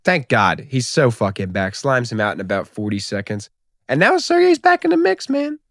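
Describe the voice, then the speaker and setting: A man's voice: mid-range voice, sing-song, moderate pace, a bit bright, a little hiss or hum. A young man giving a casual, comedic fight recap, rambling and swearing as he jokes. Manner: profane, rambling, joking. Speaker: YouTube MMA commentator.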